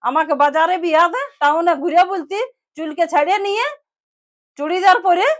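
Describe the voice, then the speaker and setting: A grumbling, middle-aged village mother-in-law with a Purulia Bengali accent scolds her idle daughter-in-law, played by an actress. She speaks in a very high voice, in a nagging, scolding tone. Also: fairly quick. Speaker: actor in a village drama.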